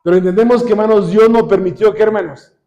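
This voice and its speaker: A man with a Mexican accent preaching a sermon, constantly asking the congregation questions and pausing for them to finish his sentences. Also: sits high, steady tone, mellow, highs cut off. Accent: Mexican Spanish. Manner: calls on the congregation with repeated questions.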